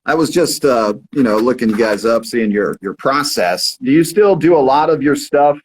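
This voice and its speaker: A man's voice: medium pitch, lively intonation, moderate pace, a little hiss or hum, rough recording. A man hosting a casual radio livestream interview, easygoing and full of fillers and agreeing noises. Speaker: radio host.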